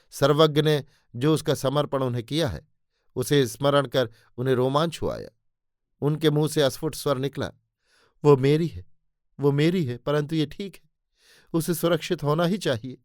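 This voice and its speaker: A man's voice: mid-range voice, no echo, clean studio sound. Man reading a novel aloud dramatically. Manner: voices the characters' dialogue with emotion. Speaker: audiobook narrator.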